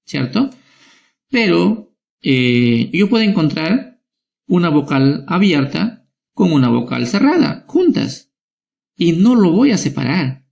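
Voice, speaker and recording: A man's voice: on the high side, big pitch swings, slow, creaky, darkish tone. A male schoolteacher giving a lesson to young children, spelling out words syllable by syllable and checking in with short tag questions.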